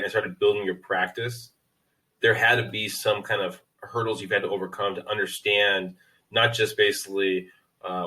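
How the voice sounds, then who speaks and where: A man's voice: fairly low pitch, bright, forceful tone, distant mic, low-quality recording. A man hosting a podcast interview, asking long, hesitant questions full of restarts. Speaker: podcast host.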